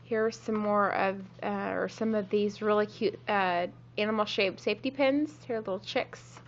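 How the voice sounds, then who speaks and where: In a dull, lo-fi home video with a little hiss or hum, a crafting vlogger who is a bit under the weather shows off her home craft room. She speaks in a mid-range voice with a steady tone and moderate pace, wandering off topic, fixing her words and filling gaps with ums.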